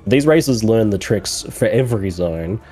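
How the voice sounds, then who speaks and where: A man with a scratchy voice from a cold, commentating an esports race in a measured, analytical way with some fillers. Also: on the low side, lively intonation, warm tone.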